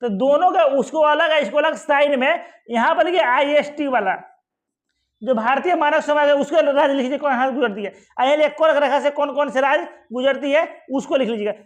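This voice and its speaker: A man's voice: very high voice, a little fast. A male teacher giving an exam-prep geography lesson at a map, asking questions and answering them himself, with many reassuring asides. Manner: asks questions and answers them himself, repeating "ठीक है" and "आराम से".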